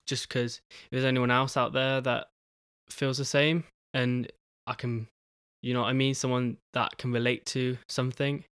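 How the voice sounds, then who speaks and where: A young man hosting his own podcast in a casual solo talk, halting, with many pauses and restarts. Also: medium pitch, a bit bright, clear, resonant tone, no room sound, clean studio sound. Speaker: podcast host.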